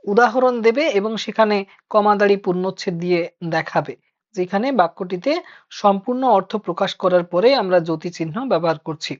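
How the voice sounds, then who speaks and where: A woman teacher in an online class, explaining step by step and asking her students questions. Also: mid-range voice. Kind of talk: online Bengali grammar class. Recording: dull lo-fi online class audio.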